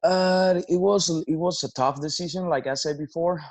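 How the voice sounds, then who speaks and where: A man, a baseball manager answering interview questions in halting speech, with many restarts and fillers. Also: fairly high pitch, no room sound. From Venezuela. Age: 30s.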